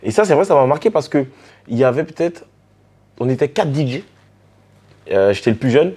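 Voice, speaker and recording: Laid-back man telling stories, dark tone. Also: mid-range voice, brisk, husky. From French Caribbean. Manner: relaxed, many fillers and restarts, addresses the host familiarly. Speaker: DJ and artist, interview guest. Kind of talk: casual storytelling interview.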